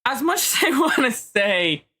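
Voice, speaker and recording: A woman's voice: fairly high pitch, sing-song, unhurried, sharp tone. A woman streaming a video game with casual live commentary.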